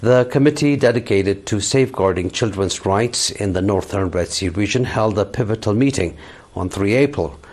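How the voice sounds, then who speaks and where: A male news anchor reads the bulletin in a formal, measured cadence. His voice sits very low and has a husky, slightly rough edge. He occasionally stumbles on a name and corrects himself before carrying on. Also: a little mellow. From Eritrea.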